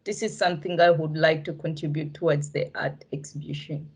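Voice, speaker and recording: A woman's voice: sits low, fairly even intonation, a little fast, gravelly, slight background noise. African-accented woman speaking in earnest. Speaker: participant in an online arts event discussion. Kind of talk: spontaneous spoken reflection.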